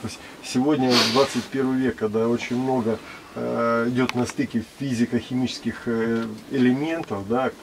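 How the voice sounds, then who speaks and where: A man's voice: medium pitch, fairly even intonation, moderate pace, very noisy. A man in his fifties telling stories in casual talk, earnest and insistent, often asking if the listener understands. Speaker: battalion veteran. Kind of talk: casual storytelling. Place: small glass-walled pavilion indoors.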